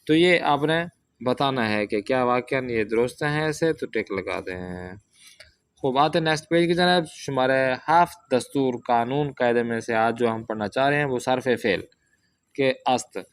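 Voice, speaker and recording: A man teaching a Persian language lesson from a workbook, reading example sentences slowly and then explaining them step by step. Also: mid-range voice, clear, resonant tone.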